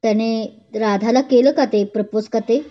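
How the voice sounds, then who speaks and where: A woman's voice: on the high side, fairly even intonation, normal speed, lightly acted. A woman reading a storybook romance, voicing an older mother who is suspicious but hopeful. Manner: suspicious then warm and hopeful. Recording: dull lo-fi recording.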